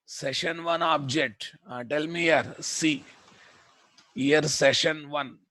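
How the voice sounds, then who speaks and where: Male coding instructor, Telugu Indian accent. Forceful, slow and repetitive, dry close sound. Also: fairly high pitch, steady tone, no room sound. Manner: repeats phrases, prods listeners with questions. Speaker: programming instructor. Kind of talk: live coding lecture to students.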